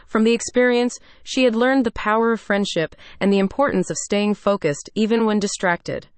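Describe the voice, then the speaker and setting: A woman narrating a scripted children's story in a steady storybook reading. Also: medium pitch, moderate pace, clean tone, dry recording.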